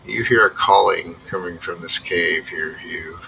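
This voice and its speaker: Male game master, low and sharp, casual tabletop narration, slight background noise. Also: measured pace, creaky.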